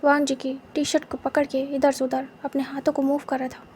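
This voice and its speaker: A young woman narrating a story in a soft, unhurried, intimate way. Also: high voice, completely flat delivery, slight background noise. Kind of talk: story narration in Hindi with English words.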